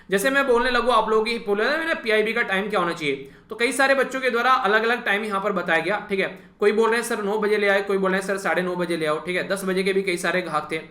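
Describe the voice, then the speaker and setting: A man teaches an exam-prep lesson at a brisk pace. His voice sits high and sounds bright and forceful. The room around him echoes. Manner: repeats "thik hai" as a filler, addresses students directly. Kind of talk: casual spoken lecture.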